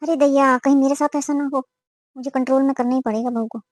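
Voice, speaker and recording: A woman's voice: sits high, completely flat delivery, fairly quick, no room sound, lightly acted. A woman voicing a suspicious, scolding middle-aged mother-in-law in a cartoon. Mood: worried. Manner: scolding, complaining. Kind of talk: cartoon voice acting.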